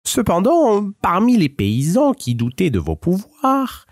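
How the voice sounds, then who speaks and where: A man voicing a sly male talking cat in a storybook who speaks in a courtly, flattering way. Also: high-pitched, slow pace, no echo, clean studio sound, voice pushed up, exaggerated voice.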